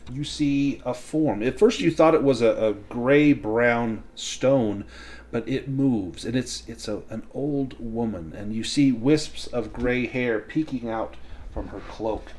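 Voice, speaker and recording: A man running a tabletop role-playing game, narrating and explaining rules in a measured way. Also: medium pitch, a little mellow. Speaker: game master.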